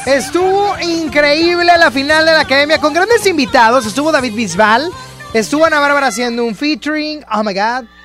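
Una mujer con acento mexicano y voz alta conduce su programa con charla animada y exclamaciones, sobre una base musical presente todo el tiempo. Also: female voice, high-pitched, normal speed. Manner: excitable, exclamatory, chatty. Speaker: radio host. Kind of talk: lively radio chat over music. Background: music underneath.

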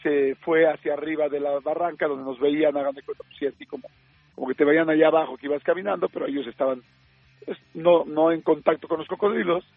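A man with a Mexican accent, a radio host telling an anecdote in a lively way, full of fillers and acted-out quotes. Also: fairly high pitch, fast talker, no echo. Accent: Mexican Spanish. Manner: lively storyteller acting out quoted dialogue, many fillers. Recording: narrow phone-like sound, faint music.

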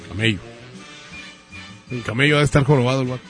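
A Mexican-accented man hosting a prank-call radio show, joking and laughing often. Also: mid-range voice.

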